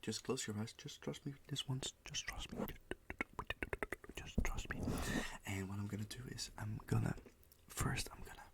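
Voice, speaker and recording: A gravelly, low-leaning male voice whispers and murmurs softly while playing a music teacher in an ASMR roleplay. He repeats words slowly and gently reassures the listener.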